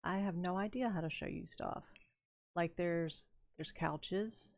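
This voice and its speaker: A woman's voice: lowish voice, unhurried. An older woman streamer chatting casually and telling a rambling story while she plays a game, laughing often. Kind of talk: casual chat while playing.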